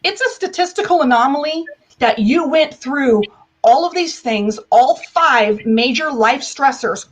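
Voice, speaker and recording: A woman's voice: high voice, lively intonation, a little slow, poor audio. An American woman telling personal stories as an interview guest, in an emphatic, irreverent way, often acting out dialogue. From United States. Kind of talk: animated personal storytelling in a live interview.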